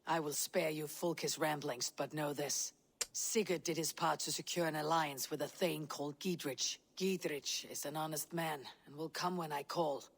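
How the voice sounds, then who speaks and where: An actress playing a stern, weary Viking woman leader in a video game, speaking gravely and formally in a husky voice. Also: low voice, fairly even intonation. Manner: grave, measured, formal speech. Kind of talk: scripted video game acting.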